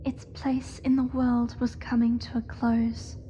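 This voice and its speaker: A woman voices an eerily innocent young spider creature in a horror audio drama, her high, soft-edged voice barely rising or falling in a level tone. She speaks in a hushed, measured, devoted way, lightly acted, over noisy ambience with the highs cut off, and the mood is quiet and devoted.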